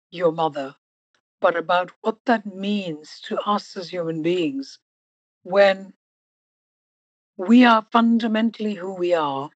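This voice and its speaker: Emphatic husky-voiced woman host. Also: on the low side, no echo, rough recording. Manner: emphatic, stresses single words slowly. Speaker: podcast host. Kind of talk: reflective interview talk.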